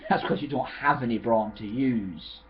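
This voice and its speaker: A man's voice: medium pitch, moderate pace, lo-fi sound, slight background noise, lightly acted. A man voicing a filthy, barefoot male vampire who cracks jokes, in a homemade storybook reading.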